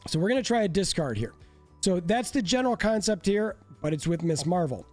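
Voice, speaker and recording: Lively and brisk, this high-pitched, slightly mellow male voice is stuffy with a cold as a card game creator chats through deck breakdowns, a little self-deprecating and relaxed. Faint music plays behind him.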